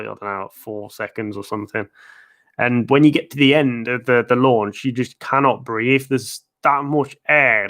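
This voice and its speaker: Losing his voice as he goes, a theme park video creator hosts a chatty live-stream Q&A from his living room. He rambles with lots of fillers and chuckles in a mid-range voice that's a bit bright.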